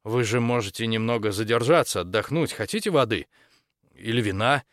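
A man's voice: fairly low pitch, brisk, fairly bright tone, no echo, clean studio sound, close to an everyday voice. A man doing an earnest young exorcist. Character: earnest young male exorcist, polite and eager.

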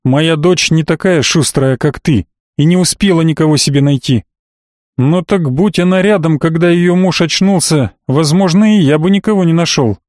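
A man's voice: a little high, moderate pace, a little mellow, no room sound, studio quality, natural voice. A man voicing an arrogant, stiff male elf, a father-in-law, in an audiobook reading. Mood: haughty.

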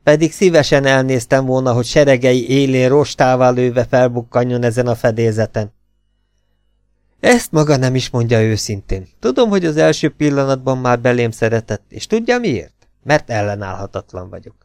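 A man doing a cocky young charmer from a pulp adventure who tosses off jokes with a glib, teasing lift. He stays matter-of-fact and cynical even under fire. The voice is close and dry. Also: mid-range voice, clean tone, dry recording, lightly acted. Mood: flippant. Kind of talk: audiobook character voice.

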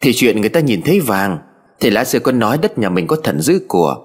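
A man playing an uneasy village husband who explains things with hesitation. The voice is low and husky, and it rises and falls a lot, with faint music underneath. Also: very animated, fast talker. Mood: worried. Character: worried middle-aged village husband.

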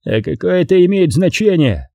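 A man voicing a hot-tempered, bald middle-aged business tycoon with a booming, gruff delivery. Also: big pitch swings, moderate pace, a little mellow, no echo, studio quality, exaggerated voice. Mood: blustering angry.

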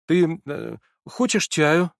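A man's voice: a little high, expressive, slow pace, creaky, no echo, studio quality, pitched above the performer's own voice, exaggerated voice. A man voicing a shy young woman who speaks hesitantly in embarrassment. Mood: embarrassed.

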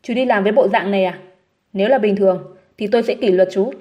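A woman's voice: medium pitch, fast, dull audio, close to an everyday voice. A woman voicing an emotionless young woman who has just become company director, in an audiobook. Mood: cold. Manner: cold, flat, commanding.

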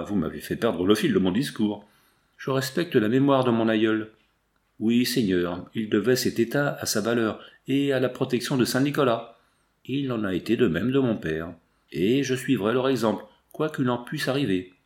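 A man's voice: on the low side, lightly acted. A man reading the lines of a proud, grieving medieval prince in an audiobook, in a declamatory, pleading manner. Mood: proud, indignant.

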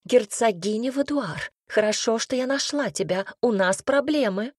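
A woman's voice: medium pitch, animated, moderate pace, a little mellow, slightly rough, no room sound, studio quality. A woman voicing a worried woman singer in an audiobook, sighing and pleading. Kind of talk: audiobook character reading.

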